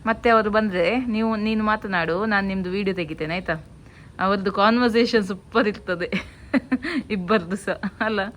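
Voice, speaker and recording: A woman, a mother chatting casually in her home vlog and gently coaxing her child. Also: medium pitch, moderate pace, slight background noise.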